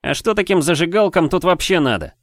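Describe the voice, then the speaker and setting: A man's voice: a little high, expressive, fairly quick, no room sound, pitched above the performer's own voice. A brash, cheeky young boy who taunts in slang and likes to boss others around, as a man puts him on. The voice sits raised and swings up and down a lot. The recording is dry and close. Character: brash cocky boy, sharp-tongued and bossy.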